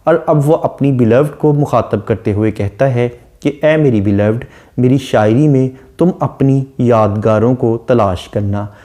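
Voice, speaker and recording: A man, explaining a sonnet as a literature lecturer, reading the English lines slowly before explaining them. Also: mid-range voice, dark tone. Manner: reads English verse slowly, then explains.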